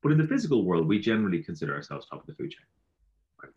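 A man's voice: fairly low pitch, huge pitch swings, very fast, a little mellow, lo-fi sound. A man from Galway with a west of Ireland accent, talking casually and philosophically, repeating himself and leaning on filler phrases. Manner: repeats himself, peppers talk with "you know".

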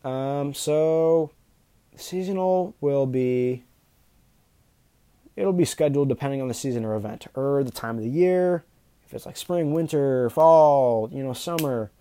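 A man's voice: medium pitch, a little slow, mellow, clear, resonant tone, no echo. A man hosting his own podcast, talking off the cuff in a nervous way, stumbling over words, restarting and saying um often. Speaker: podcast host. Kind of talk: unscripted solo podcast talk.

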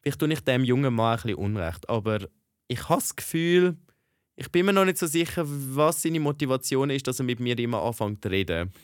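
A young man in his twenties with a Swiss German accent, co-hosting a podcast and telling stories in a chatty, animated way. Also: medium pitch, fairly quick, no room sound, clean studio sound. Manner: animated, chatty storytelling with laughs. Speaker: podcast co-host. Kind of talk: casual chat.

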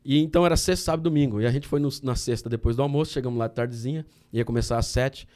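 Fast-talking Brazilian man telling a story. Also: mid-range voice. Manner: animated retelling, keeps saying "cara". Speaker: podcast guest, candy entrepreneur. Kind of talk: casual storytelling.

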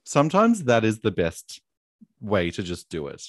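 A man's voice: lowish voice, huge pitch swings, normal speed, no room sound, studio quality. A young man co-hosting a podcast, laughing and teasing his friend in casual banter. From Australia. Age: young adult. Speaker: podcast co-host.

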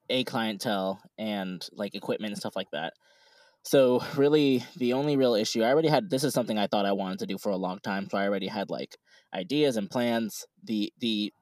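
Low-voiced man, rambling and hesitant. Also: darkish tone, dry recording. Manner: rambling, hesitant, many restarts. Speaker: podcast co-host. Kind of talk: casual chat.

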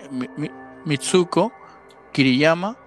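A man's voice: on the high side, takes it slowly, faint music behind. A man, co-hosting a casual podcast and retelling a film plot step by step.

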